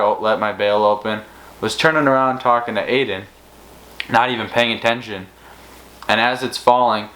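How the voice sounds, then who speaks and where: A man's voice: fairly low pitch, a bit bright, poor audio. A man co-hosting a fishing channel, telling stories in a casual, rambling way with many restarts. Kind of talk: casual storytelling chat.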